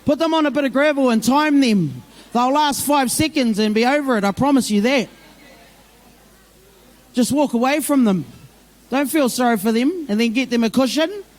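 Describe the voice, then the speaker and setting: A middle-aged woman speaks in a very high voice with a broad New Zealand accent. She addresses a community gathering informally and off the cuff. Her manner is plain-spoken and motherly. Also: normal speed. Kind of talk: informal, off-the-cuff public speech mixing English with Māori phrases.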